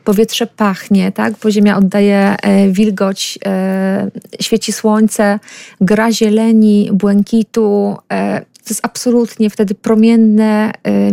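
Gravelly-voiced woman, even and unhurried. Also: medium pitch, dry recording. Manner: thoughtful, hesitant with many fillers. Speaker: forest bathing guide, radio guest. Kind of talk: casual radio conversation.

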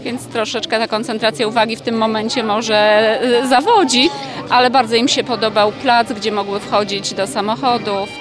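A woman's voice: on the high side, steady tone, moderate pace. A woman, a teacher with a school group, answering casually in an on-the-spot interview. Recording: outdoor event with music and crowd.

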